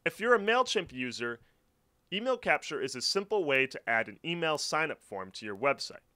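A very animated man, fairly high in pitch and pushed and bright in tone, talks at a normal speed. As narrator of a scripted screen-recording walkthrough, he clearly explains website setup one step at a time.

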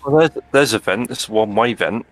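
A man's voice: on the low side, brisk. A man chatting casually as co-host of a gameplay video. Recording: faint background game noise. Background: video game ambience.

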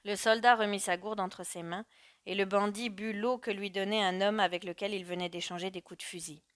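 A woman narrating a classic story in a measured, dramatic reading. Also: mid-range voice, steady tone, no room sound, studio quality. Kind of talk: audiobook narration.

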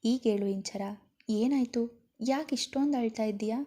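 A woman putting on an anxious young woman who fusses over her friend with quick, raised, worried questions. Her voice is mellow and a little breathy. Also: fairly high pitch, close to an everyday voice.

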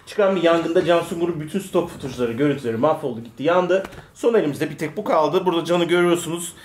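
A man's voice: a little high, fast talker. A man co-hosting a show, teasing his friends and laughing often in casual banter. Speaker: co-host. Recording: echoey room with faint noise.

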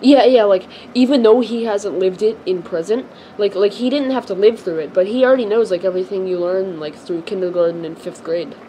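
Excitable kid big brother, rambling and fast-changing, played by a girl; mid-pitched, homemade toy movie. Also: a little hiss or hum, natural voice, rough recording. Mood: chatty. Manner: rambling, full of "like" and restarts.

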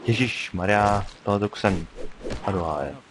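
A young man giving casual, chatty commentary while playing a game, often muttering to himself. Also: on the low side. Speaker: gameplay commentator. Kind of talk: casual let's-play commentary. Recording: faint hiss.

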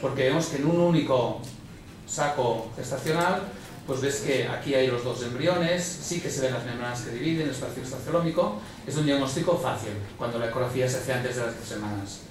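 A man's voice: medium pitch, a little fast, recorded from a distance, background noise. Man lecturing in an echoey hall. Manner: explanatory, repeats words while thinking. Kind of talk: medical conference lecture.

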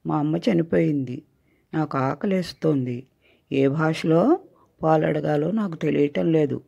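A woman's voice: low-pitched, a little slow, vocal fry, warm tone, breathy edge, full character voice. Grandmother voicing a weepy orphaned kitten. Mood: tearful. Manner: plaintive, tearful storybook voice. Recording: dull lo-fi recording.

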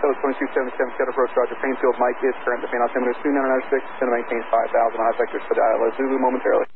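A man's voice: medium pitch, little pitch movement, racing. A man working as an air traffic controller, talking to pilots in clipped phrases over a radio with static. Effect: aircraft radio with static. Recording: narrow radio with clear static noise.

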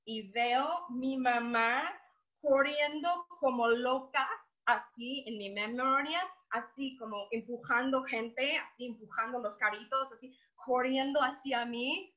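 High-voiced woman telling a heartfelt story. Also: takes it slowly, dull audio. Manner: emotional storyteller who acts out dialogue. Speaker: Torah teacher. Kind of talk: storytelling lesson to a women's group.

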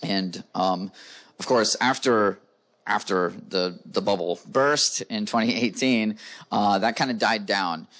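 A company co-founder, interviewed as a guest on a conference stage with a live audience, speaks slowly into a handheld mic in a lowish, fairly bright voice. His explanations come in long stretches peppered with "uh."

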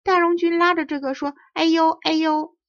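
A woman voicing a cheerful, eager little schoolgirl in a storybook reading, with a high childlike sound. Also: level tone, moderate pace, a bit bright. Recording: dull lo-fi audio.

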